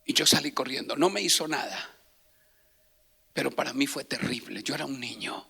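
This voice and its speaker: A middle-aged man preaching a sermon as pastor, moving from hushed whispers to impassioned shouting. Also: mid-range voice, lively intonation, moderate pace, creaky, slightly rough. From Colombia.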